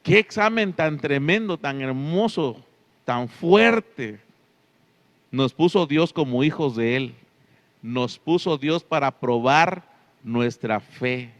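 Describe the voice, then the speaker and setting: This pastor's Sunday sermon comes at a slow pace in a slightly high voice with lively intonation. He stresses and stretches important words, frequently tagging his points with "right?".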